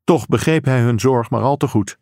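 A man reading a crime story aloud in steady, measured scripted narration. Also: medium pitch, dry recording, studio quality. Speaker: audiobook narrator.

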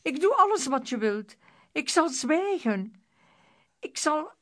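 A woman reading aloud, voicing a terrified young boy who pleads and cries out in a high, loud voice. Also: very animated, slow pace, heavily acted.

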